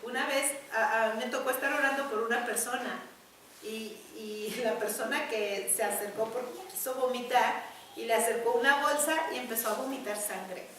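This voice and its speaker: A woman preaching, her voice high and bright. She speaks emphatically, repeating words and addressing the congregation directly. The sound rings through a large echoey church hall, picked up from well away from the mic. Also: fairly even intonation, moderate pace, distant mic, a little hiss or hum. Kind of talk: sermon.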